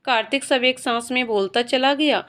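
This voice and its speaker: A woman narrating a scripted family story in a steady, even storytelling manner. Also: high voice, normal speed.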